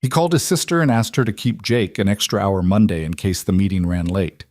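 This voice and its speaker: A man narrating a drama story in a measured, even manner. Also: fairly low pitch, dry recording, clean studio sound.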